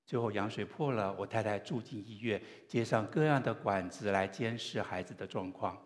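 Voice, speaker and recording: A man preaching a sermon, telling stories in an earnest way with gentle pauses. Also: lowish voice, big-room sound. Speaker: pastor.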